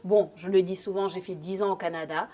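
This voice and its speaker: A young woman from Senegal hosting a casual chat, upbeat and lively, dropping in English words. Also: fairly low pitch, brisk. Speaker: podcast host.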